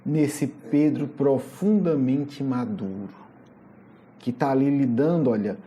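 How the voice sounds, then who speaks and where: There's a little hiss or hum behind this medium-pitched, slow-paced voice. A spiritist lecturer with a Brazilian Portuguese accent tells a Gospel story vividly, regularly adding questioning asides.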